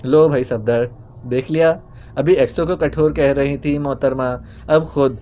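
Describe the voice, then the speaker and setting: A man's voice: medium pitch, steady tone, dark tone, natural voice. A man voicing a playful young male spy who talks in a mock-pitiful, whining way. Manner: whiny, mock-pitiful clowning.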